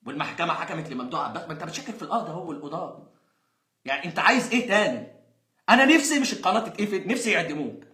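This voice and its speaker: A man's voice: a little high, animated, racing, sharp tone. A young Egyptian man, a football fan, ranting in exasperation and sarcasm, sometimes laughing. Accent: Egyptian Arabic. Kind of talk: angry ranting monologue. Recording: roomy echo.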